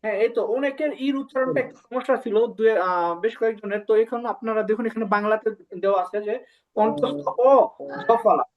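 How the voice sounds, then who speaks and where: A man with a Bangladeshi Bengali accent teaching an online language class, slowly saying syllables for students to repeat. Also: sits high, narrow, tinny audio. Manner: slow drilling, repeating syllables for students to echo.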